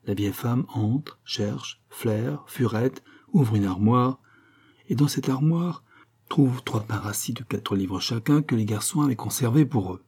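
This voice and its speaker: A man reading a classic novel aloud in a dramatic, measured narration. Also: medium pitch, warm tone, husky. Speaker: audiobook reader.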